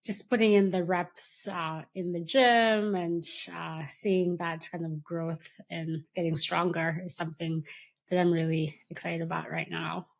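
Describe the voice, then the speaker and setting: A woman in her forties from Kenya, a doctor guesting on a podcast, talking in a relaxed, thoughtful way with many pauses and fillers. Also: lowish voice, creaky. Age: 40s. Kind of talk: casual interview chat.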